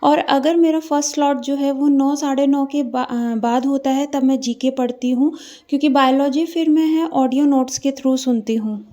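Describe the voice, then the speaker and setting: A woman's voice: high-pitched, steady tone, normal speed, dark tone. A young woman talking casually to her viewers about her study routine as a mother, chatty and full of small hesitations. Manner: chatty, addresses viewers as friends, frequent hesitations. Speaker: vlogger studying for an exam while raising a child.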